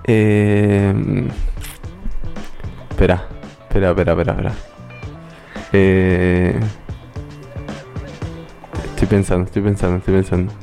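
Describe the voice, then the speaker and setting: A man's voice: low voice, level tone, unhurried, long pauses, warm tone, soft background music. A man, playing a guessing game on a live stream, thinking aloud and repeating himself.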